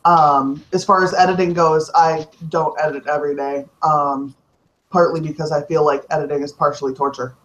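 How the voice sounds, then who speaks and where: A woman's voice: low voice, steady tone, moderate pace, highs cut off, slight background noise. A woman author chatting casually on a video call, rambling and correcting herself as she talks frankly. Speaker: author guest.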